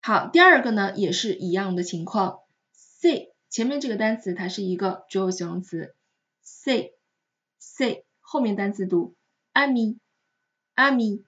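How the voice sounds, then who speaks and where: In a recorded language lesson, a woman teaches French pronunciation with patient, step-by-step explanations, slowing down to repeat example words clearly. Her middle-pitched voice is expressive and a bit bright. The recording itself is somewhat dull and lo-fi.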